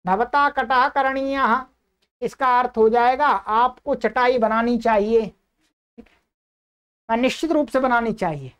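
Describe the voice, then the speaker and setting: A woman's voice: a little high, clear, resonant tone, lo-fi sound. Woman teaching Sanskrit grammar. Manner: slow, drawn-out recitation of Sanskrit examples; asks and answers her own questions. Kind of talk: explanatory lesson.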